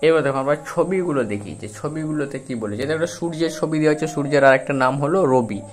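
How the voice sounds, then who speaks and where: A man teaching a children's reading lesson, spelling out words syllable by syllable in a slow, drawn-out way. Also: on the high side.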